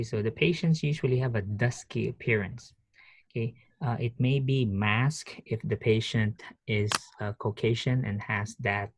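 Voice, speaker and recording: Halting lecturer on a headset mic. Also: male voice, fairly low pitch, slightly rough, no room sound, poor audio. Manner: halting, many fillers and restarts. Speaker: nursing professor. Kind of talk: online lecture. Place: office.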